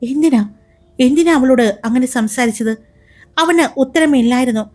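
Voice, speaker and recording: A woman storyteller with a high voice reads a serialized romance in a smooth, dramatic manner. Quiet music plays softly behind her narration. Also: normal speed. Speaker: storyteller, channel host.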